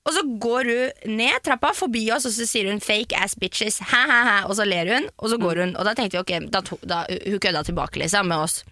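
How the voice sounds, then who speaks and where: Young woman, bright dry close-mic voice, lively storyteller acting out quotes. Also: medium pitch, few pauses, no room sound. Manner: animated retelling with quoted dialogue. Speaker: podcast guest. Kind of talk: casual storytelling chat.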